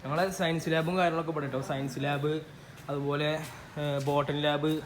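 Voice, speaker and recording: A man's voice: fairly high pitch, flat delivery, normal speed, a little hiss or hum. A young man chatting casually to viewers on a vlog, mixing English words into Malayalam. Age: young adult. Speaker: vlogger. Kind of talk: casual walking school-tour vlog.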